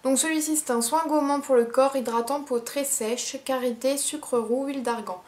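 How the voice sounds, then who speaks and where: A young woman chatting casually in a haul vlog, unhurried, with many fillers. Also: high-pitched, fairly even intonation, darkish tone. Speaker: beauty vlogger.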